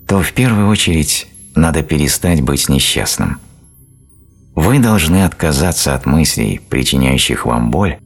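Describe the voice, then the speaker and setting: A man narrating a self-help audiobook in a steady, explanatory reading style. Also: extremely low pitch, husky. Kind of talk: scripted narration.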